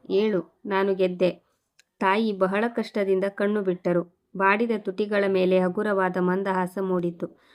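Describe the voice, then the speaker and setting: A woman narrating a scripted moral story in a steady, even delivery. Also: mid-range voice.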